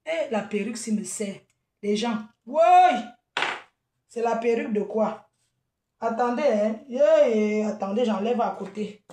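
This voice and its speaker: Combative woman, high and mocking, recorded off-mic in an echoey room. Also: a little slow, warm tone, recorded from a distance, a little hiss or hum. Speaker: event promoter. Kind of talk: live video rant.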